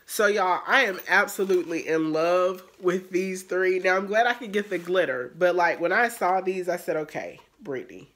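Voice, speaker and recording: Speaking at a moderate pace with hardly any pauses, this vlogger has a lowish, slightly bright voice. She rambles through her shopping haul in a filler-heavy way, sounding nasal and stuffed up from allergies.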